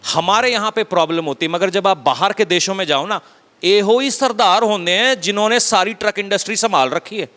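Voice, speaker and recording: A man preaching a sermon as a pastor, talking conversationally and dropping his voice low to stress a point. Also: a little fast, sharp tone, big-room sound. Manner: conversational preaching, acts out quotes, drops low for emphasis. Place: church hall.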